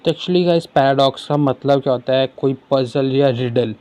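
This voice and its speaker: A man tutoring for an exam, who asks questions and answers them himself and reads English sentences slowly. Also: medium pitch, mellow. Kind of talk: explaining exam questions in Hindi with English terms.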